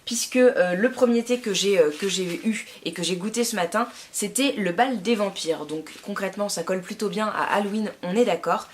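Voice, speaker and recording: A woman's voice: medium pitch, normal speed, hardly any pauses, a little hiss or hum. A young woman chatting enthusiastically as she presents a tea subscription box, with frequent hesitations. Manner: chatty and enthusiastic, many fillers. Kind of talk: casual unboxing vlog.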